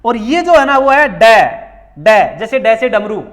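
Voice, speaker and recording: A male coaching-class teacher with a very high-pitched voice works through a grammar lesson. He says each term again and again, asks a question, then answers it himself. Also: lively intonation, unhurried, a bit bright. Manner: repeats key words, asks and answers himself.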